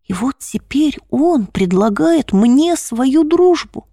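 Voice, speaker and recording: A woman reading a first-person story aloud in a measured, expressive way. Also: high-pitched, gravelly, no room sound, studio quality.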